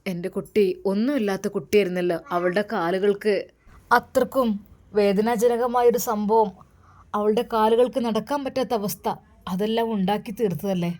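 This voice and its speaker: A woman voicing a worried but determined middle-aged father in a storytelling video, speaking low and quietly. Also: steady tone, normal speed, close to an everyday voice.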